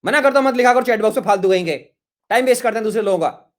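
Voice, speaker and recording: Speaking very fast in a high voice, a middle-aged Indian man teaching chemistry online reprimands students about their chat questions. His exasperation shows as he voices the same complaints again and again.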